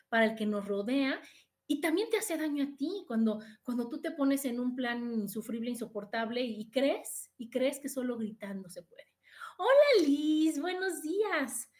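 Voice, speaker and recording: High-voiced Mexican woman, chatty host. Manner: chatty, tags "¿no?" after points. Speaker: podcast host. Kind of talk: casual advice talk to live listeners.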